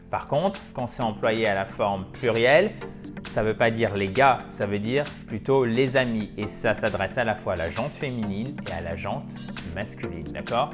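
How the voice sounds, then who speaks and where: Brief: male teacher, mid-pitched, lesson delivery, light music bed. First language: French. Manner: explains slowly, repeats and checks with "ok?". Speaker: English teacher. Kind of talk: online lesson.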